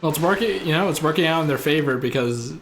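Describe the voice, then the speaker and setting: A man's voice: fairly high pitch, lively intonation, quick pace, a bit bright, slight background noise. Laid-back, chuckling man gaming. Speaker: co-host. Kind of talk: casual gaming chat while playing. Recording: game music playing behind.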